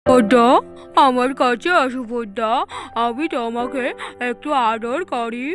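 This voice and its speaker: A woman's voice: on the high side, level tone, measured pace, close to an everyday voice. A woman voicing a foolish, lovesick old male landlord in a cartoon, pleading and dreamy. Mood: doting. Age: middle-aged. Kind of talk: cartoon voice acting. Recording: faint music underneath.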